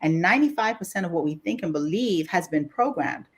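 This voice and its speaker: A woman with a Bahamian accent, a life coach co-hosting a podcast, talking in a lively, emphatic way and laughing often. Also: fairly low pitch, fairly quick, breathy edge. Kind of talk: casual podcast chat.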